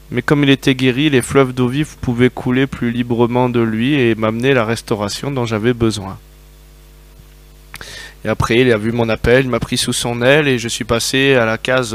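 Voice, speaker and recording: Guy preaching, tells his own stories, keeps asking the crowd if they agree. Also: medium pitch. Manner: lively storytelling, asks the audience for agreement. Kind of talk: sermon with personal testimony.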